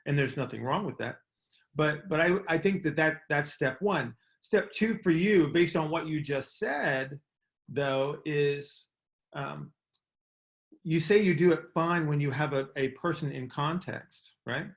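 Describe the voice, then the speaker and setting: Hosting a casual coaching call, a middle-aged man talks a little slowly in a gravelly voice on the high side. He explains emphatically, leans on repeating key words, and often checks in by asking "right?".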